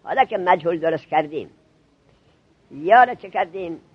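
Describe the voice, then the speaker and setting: A man teaching a classroom grammar lesson to seminary students, drilling them with quick questions. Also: high voice, expressive, slightly rough, no room sound, highs cut off.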